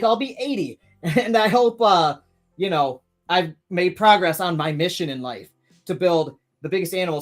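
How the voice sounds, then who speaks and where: Reading viewer comments on his live stream, a high-voiced man in his thirties chats casually and rambles, frequently starting his sentences over.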